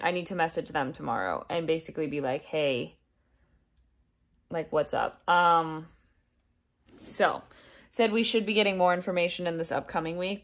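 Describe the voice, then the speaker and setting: With a low, slightly bright voice, a woman who vlogs daily chats loosely in her video diary. She drifts between thoughts and corrects herself as she speaks.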